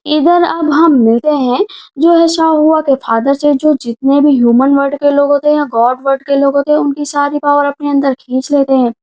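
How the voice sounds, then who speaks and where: A woman narrating a movie recap in a casual, brisk storytelling way, reading the characters' lines in her own voice. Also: high voice, steady tone, a little mellow, rough recording. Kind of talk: casual plot-retelling narration.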